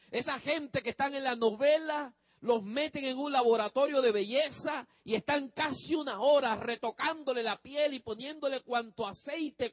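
A man's voice: extremely high pitch, fairly bright tone, dry recording. A male pastor preaching a sermon, speaking emphatically to the congregation and drawing out the ends of phrases.

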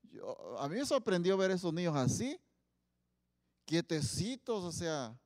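High-voiced preacher in a hall. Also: male voice, sing-song, unhurried, clean studio sound. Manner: asks the audience many questions, loud emphatic Bible quotes. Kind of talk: sermon. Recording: long hall reverb.

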